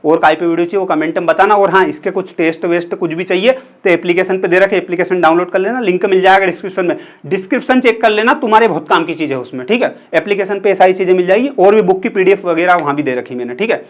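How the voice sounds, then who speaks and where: A man's voice: high voice, fast, few pauses. A young man teaching Hindi grammar in a casual lecture, chatty and asking his students questions as he explains, sometimes stretching vowels out to show how they sound.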